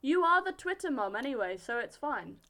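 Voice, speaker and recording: A woman's voice: high voice, big pitch swings, fairly quick, pushed and bright. A young woman chatting casually as a podcast co-host, telling stories with playful self-deprecation. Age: young adult. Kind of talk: casual chat.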